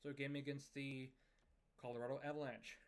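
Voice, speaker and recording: A young man with a mid-range voice narrates his hockey management game from a home desk setup. He runs through goals, periods and roster changes in a casual, even-keeled commentary style. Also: mid-range voice, normal speed, clean tone. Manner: steady, conversational recap of scores and lineup moves.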